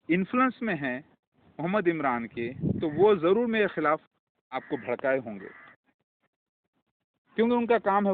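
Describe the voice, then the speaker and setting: A man giving a long preachy personal message in a pleading tone, calling the listener his daughter and now and then shouting at barking dogs. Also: fairly high pitch. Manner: shouts at barking dogs, breaks off mid-phrase. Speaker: self-proclaimed religious claimant. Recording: phone-like lo-fi with faint noise.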